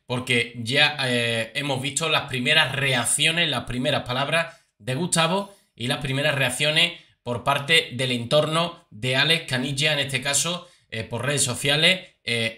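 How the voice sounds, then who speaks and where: A man's voice: medium pitch, bright, forceful tone. A man giving chatty commentary on reality-show clips, with many fillers and repeats. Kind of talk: casual commentary.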